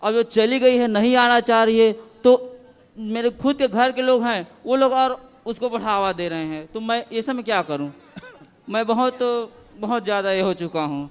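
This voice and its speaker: A man's voice: very high-pitched, normal speed, clear, resonant tone. A man from the audience, distressed and pleading, asking again and again for advice about what to do. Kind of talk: pleading personal question. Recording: reverberant hall.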